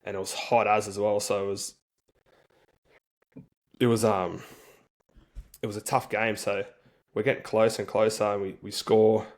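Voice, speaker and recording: A man with a fairly low voice gives a casual interview as a guest. He tells stories in a laid-back, slangy, colloquial way. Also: flat delivery, normal speed, long pauses, darkish tone. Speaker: interview guest, rugby league player for a national team.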